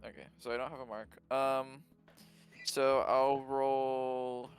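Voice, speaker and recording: Regular-pitched guy playing a tabletop game, kinda unsure, lots of ums, quiet music behind. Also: level tone, slow pace, smooth. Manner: hesitant, thinking aloud with fillers. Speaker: player. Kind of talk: casual tabletop game play.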